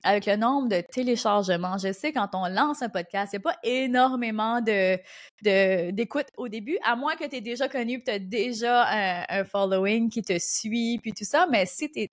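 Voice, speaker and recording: A woman with an Acadian French accent hosting her own podcast, giving casual, energetic business advice at a fast clip. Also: medium pitch. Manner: fast, animated, energetic talk. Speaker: podcast host and business coach. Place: indoor recording studio.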